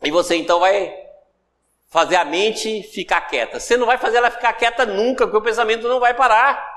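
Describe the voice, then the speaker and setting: A man's voice: high-pitched, a little fast, long reverb tail. A man with a Brazilian Portuguese accent giving a recorded course lecture on self-development, talking conversationally and repeating phrases for emphasis. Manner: animated, acts out everyday examples in quoted voices.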